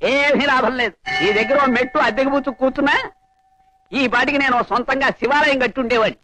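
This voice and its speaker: An actor playing a greedy, cowardly temple priest who talks in a whining, wheedling comic way, in a film comedy scene. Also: male voice, very high-pitched, fast. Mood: complaining. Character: scheming poor temple priest, middle-aged, greedy and cowardly. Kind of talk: 1980s film comedy acting.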